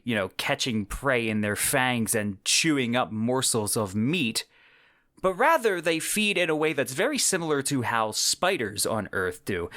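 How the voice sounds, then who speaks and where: Alone on his podcast, a man with a medium-pitched, fairly bright voice explains things in a measured, semi-scripted style, dropping in personal asides along the way. The recording is very dry, with no room echo at all.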